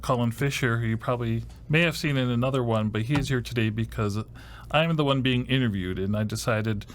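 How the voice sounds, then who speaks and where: In a podcast studio, a fiftysomething host from Ohio, USA, who doubles as a first-year university advisor, fields interview questions. His medium-pitched voice runs a little fast, rambling with lots of "you know" and dry jokes over slight background noise.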